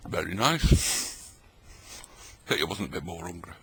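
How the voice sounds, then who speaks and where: A middle-aged man with a low, expressive, slightly slow voice and a sharp tone rambles and jokes as he tastes old tinned food at his table late at night. It's casual late-night vlog chatter, and he keeps talking while eating, with slight background noise.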